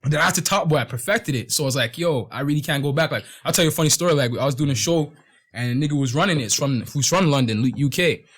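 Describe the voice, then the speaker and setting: A man's voice: fairly high pitch, fast talker, a bit bright, slightly rough. A young man co-hosting a casual podcast chat, laughing often and slipping into mock London slang. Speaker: podcast co-host.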